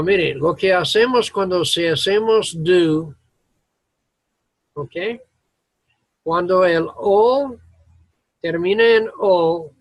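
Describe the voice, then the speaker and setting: This is an English teacher, a man with a high-pitched voice, giving a grammar lesson in a classroom with no room sound. His explanations come slowly and haltingly, in Spanish sprinkled with English words.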